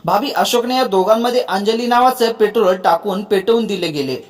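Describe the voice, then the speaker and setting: A man's voice: high voice, a little fast, soft background music, lightly acted. A storyteller voicing a young man who scolds his friend, in a read-aloud story. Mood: chiding. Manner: chiding.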